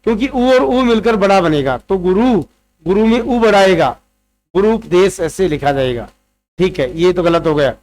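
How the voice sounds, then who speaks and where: High-voiced man teaching Hindi grammar. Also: animated, normal speed, darkish tone. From Rajasthan, India. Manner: repeats answers, drills word forms aloud; addresses students directly, quizzing them. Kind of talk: exam-prep grammar lesson.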